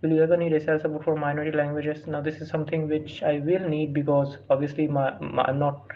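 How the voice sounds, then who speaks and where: Here the same kind of tutorial host, a man who isn't a native English speaker, reads on-screen prompts with frequent fillers and false starts. He talks quickly in a level tone at a fairly high pitch, over dull lo-fi sound with faint hiss.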